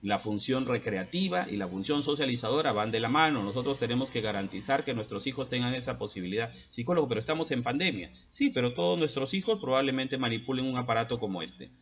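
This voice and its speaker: A man's voice: mid-range voice, animated, fast talker, hardly any pauses, fairly bright tone, lo-fi sound. Middle-aged man lecturing parents. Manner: earnest and lecturing, with frequent hesitant fillers. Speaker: school psychologist. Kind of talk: advice talk to parents. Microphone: laptop.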